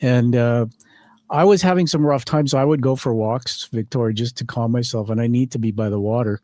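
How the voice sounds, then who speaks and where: Man, middle-aged, podcast host, friendly, rambling, medium pitch, dry close mic. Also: steady tone, fairly quick, warm tone, no echo. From Canada. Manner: friendly, rambling, laughs easily. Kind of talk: conversational interview. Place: studio.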